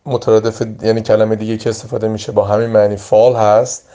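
Hoarse male English teacher. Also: fairly low pitch, little pitch movement, mellow. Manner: reads each English word then gives its meaning. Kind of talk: vocabulary pronunciation lesson. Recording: dull lo-fi audio file.

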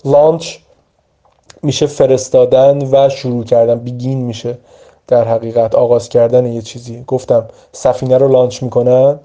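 A man with a very dark, mellow voice teaches English vocabulary word by word. He drills each pronunciation slowly and patiently before explaining it. The recording sounds muffled and lo-fi. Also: mid-range voice, flat delivery. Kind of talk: vocabulary lesson.

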